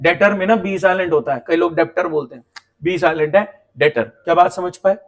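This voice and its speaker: A man teaching an accounts class, lively and talking straight to his students, acting out little dialogues. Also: sits high, a little fast. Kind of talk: classroom coaching lecture. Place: coaching classroom.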